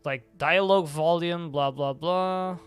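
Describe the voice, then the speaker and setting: A man's voice: on the high side, a little slow, clean tone. A young man streaming a video game live, chatting casually and rambling with lots of filler words. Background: faint game music.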